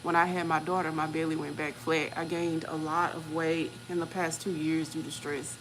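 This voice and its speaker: A woman, casually telling a personal story to her viewers and acting out quoted voices with lively pitch jumps. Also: moderate pace, background noise. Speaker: channel host.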